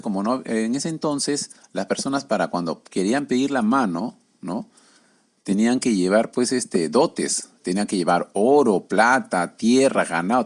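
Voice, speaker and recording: A man preaching a conversational sermon, often tagging his lines with questions to the listeners. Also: medium pitch.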